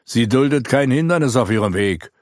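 A man voicing a blunt, hot-tempered knight who speaks grimly and forcefully. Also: medium pitch, lively intonation, moderate pace, dry recording, clean studio sound, pitched above the performer's own voice, lightly acted. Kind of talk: audiobook character reading.

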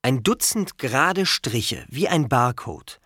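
An audiobook narrator reading a story in a measured, storytelling manner. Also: mid-range voice, expressive, a bit bright, no room sound, studio quality. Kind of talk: scripted narration.

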